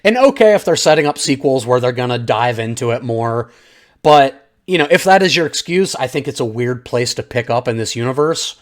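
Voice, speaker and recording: An expressive man with a medium-pitched voice talks a little fast as he reviews a film for his channel. It's an unscripted, casual chat aimed directly at viewers, whom he calls "guys," full of opinions and slang.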